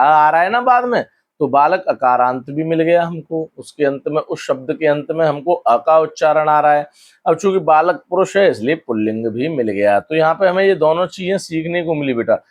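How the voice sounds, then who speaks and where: Man teaching slowly, drawing out words. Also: on the high side, highs cut off. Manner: asks questions then answers them, drawing out words slowly. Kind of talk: classroom lesson explanation.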